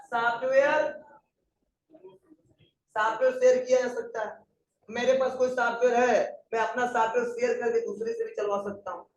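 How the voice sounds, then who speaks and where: A man's voice: extremely high pitch, fairly even intonation, moderate pace, long pauses, recorded from a distance. A man teaching a computer class in a conversational lecture style, often asking the students questions. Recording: echoey room, voice from afar.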